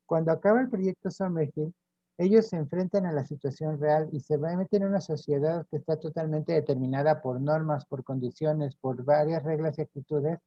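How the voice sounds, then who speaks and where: A man's voice: fairly high pitch, no echo, lo-fi sound. A man with a Mexican accent giving a university lecture, explaining step by step and checking in with frequent tag questions. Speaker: professor.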